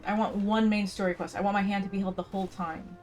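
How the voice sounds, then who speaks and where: A gaming video host, a woman with a mid-pitched voice, talks casually while she plays, now and then reading quest text aloud. She speaks fast in a flat delivery, with the game's music clearly audible behind her.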